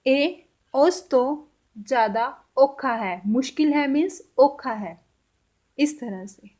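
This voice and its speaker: High-voiced woman teaching phrases slowly. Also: expressive, darkish tone. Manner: slow, carefully repeated example sentences. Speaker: language teacher. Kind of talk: spoken language lesson.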